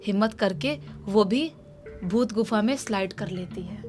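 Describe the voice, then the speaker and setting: A woman's voice: mid-range voice, unhurried, a little mellow, faint music behind. A woman narrating a horror story in a casual way and acting out the dialogue of the people in it.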